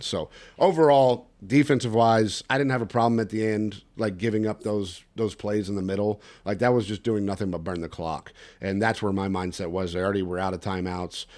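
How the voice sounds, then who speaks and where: A man hosting a casual sports podcast, animated and ranting with quick asides. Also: fairly low pitch. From Texas. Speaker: podcast host.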